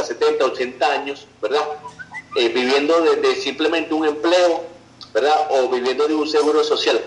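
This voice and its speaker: A man's voice: a little high, roomy sound, slight background noise, rough recording. A man from Venezuela, giving an online business presentation in a persuasive way and often checking in with "ok" and "right". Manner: persuasive, tags sentences with "ok" and "verdad".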